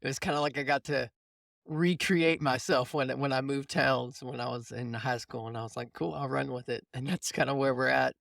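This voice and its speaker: A podcast host and mindset coach leads a casual coaching conversation, explaining things informally and rephrasing often as he goes. His medium-pitched, gravelly voice is steady and fairly bright at a normal speed, captured in clean studio sound with no room echo.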